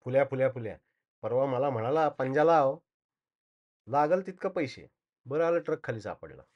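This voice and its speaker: A man voicing an excitable, gossipy bicycle-shop owner who talks loudly and exclaims, in a slightly dull recording. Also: medium pitch, normal speed, natural voice.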